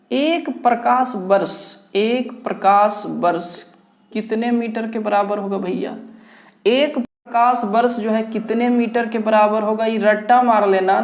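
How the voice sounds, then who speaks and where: A woman's voice: mid-range voice, darkish tone. A woman teaching an online exam-prep lesson, repeating each key point and quizzing her students with rhetorical questions. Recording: echoey room.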